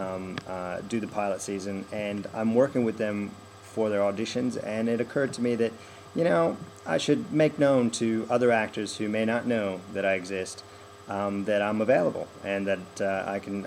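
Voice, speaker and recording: A man's voice: lowish voice, a little mellow, a little hiss or hum. An American man working as a dialect coach, explaining accent stress with many fillers and restarts. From United States. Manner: demonstrates sentence stress by example. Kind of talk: direct-to-camera introduction.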